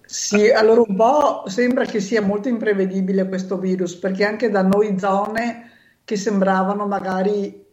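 A woman's voice: mid-range voice, steady tone, moderate pace, a little mellow. A woman interviewer talks in a casual, conversational style. The room echoes strongly around her voice, and the recording is a little muffled and lo-fi. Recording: echoey room, slightly dull lo-fi sound.

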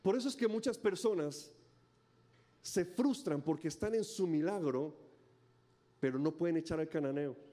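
A man's voice: a little high, normal speed, pauses often, dark tone. A male pastor preaching a dramatic sermon, acting out voices and firing off rhetorical questions.

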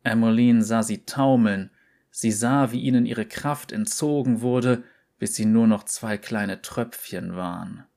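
A man narrating a short story in a slow, deliberate, measured reading. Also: medium pitch, gravelly, darkish tone.

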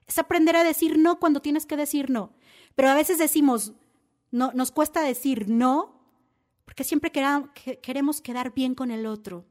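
High-voiced woman podcast host. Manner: intimate, questioning the listener directly. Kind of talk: motivational podcast talk.

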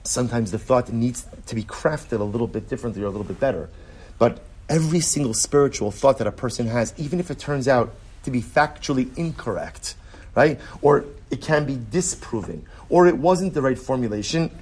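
A man's voice: medium pitch, fairly quick, breathy edge. A man teaching an informal class to a small group, asking rhetorical questions and repeating his points. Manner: repetitive, rhetorical questions, animated.

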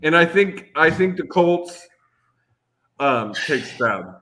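Male podcast host, bright animated delivery, loose and profane. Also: a little high, slow, rough recording. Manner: loose, swearing, leads the segment. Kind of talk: casual sports chat.

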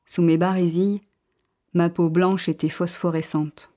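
A woman narrating a literary story in the first person, reading in a calm, measured way. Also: on the low side.

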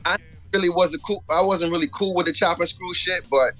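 Born in Jamaica and raised in Florida, a rapper guest in an interview tells stories casually, slangy and with frequent asides. His voice sits high, steady in tone, fairly quick, pushed and bright.

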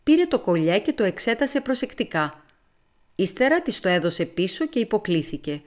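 A woman narrating an audiobook in a calm, even storytelling manner. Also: mid-range voice. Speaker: audiobook reader. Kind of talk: scripted narration.

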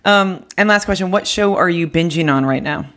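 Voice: medium pitch, fairly quick, a bit bright. Podcast host asking short questions. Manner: brief agreeing replies and laughs. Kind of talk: casual interview chat.

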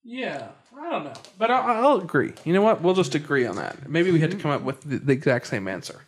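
A man's voice: fairly high pitch, very animated, brisk. A young man hosting a casual podcast chat, often hesitant and restarting his sentences. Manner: hesitant, many restarts and stammers. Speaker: podcast host.

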